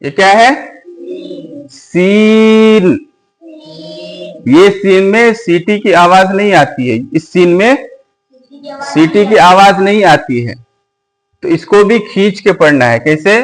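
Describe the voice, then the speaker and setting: A man teaching Quran letters, asking questions and repeating each letter slowly and patiently. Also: sits high, lively intonation, soft background music, poor audio.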